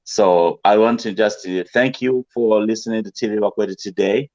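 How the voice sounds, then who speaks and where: A male guest giving measured, rallying closing remarks. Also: lowish voice, steady tone, darkish tone, no room sound, muffled recording. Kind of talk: closing remarks on an online talk show.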